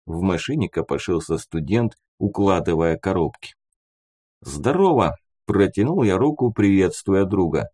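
A man reads a first-person audiobook in steady, expressive storytelling. His voice is low and mellow. His pitch rises and falls in a lively way across each sentence. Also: normal speed, husky. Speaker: audiobook narrator. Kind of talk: audiobook narration of a fantasy novel.

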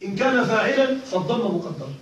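A man's voice: sits high, very animated, fast, lo-fi sound. A man teaching a grammar lesson to a class, drilling each rule by repetition and often checking that the students are following. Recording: echoey room, mic far off.

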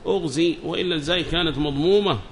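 Over slight background noise, a man with a slightly high voice teaches classical Arabic grammar at a quick pace. Reading from a text, he explains it as he goes and puts questions to his students.

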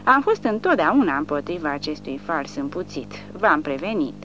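A woman voicing a coarse, bullying male army sergeant who shouts and blusters. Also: deep voice, sing-song. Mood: angry. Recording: dull recording with faint hum.

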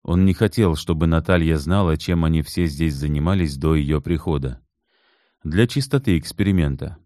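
A man narrating an audiobook in a measured, even storytelling manner, close to the mic. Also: very deep voice, no room sound. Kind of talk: scripted narration.

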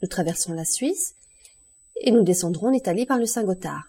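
A woman reading an audiobook and voicing a bold, daring young woman who speaks briskly and confidently. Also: fairly low pitch, animated, dark tone, breathy edge.

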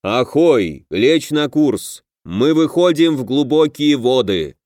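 A man's voice: medium pitch, big pitch swings, slow pace, darkish tone, no echo, studio quality. A man voicing a grand, self-important half-orc pirate who would be king in an audiobook. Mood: commanding.

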